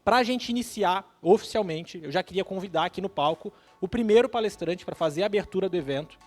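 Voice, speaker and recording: A man's voice: sits high, a little fast, soft background music. A man hosting a live event, announcing the first speaker from the stage. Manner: upbeat, building up the introduction. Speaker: event emcee.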